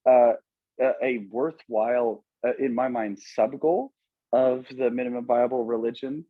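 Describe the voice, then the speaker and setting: Husky-voiced man on dull lo-fi audio. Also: mid-range voice, steady tone, measured pace, no room sound. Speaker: podcast co-host. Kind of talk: casual podcast conversation.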